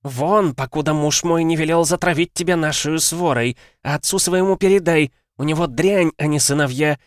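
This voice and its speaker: A man's voice: on the high side, normal speed, no echo, studio quality, voice pushed up, lightly acted. A man voicing a furious scornful noble mother. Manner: hissing through teeth, scornful.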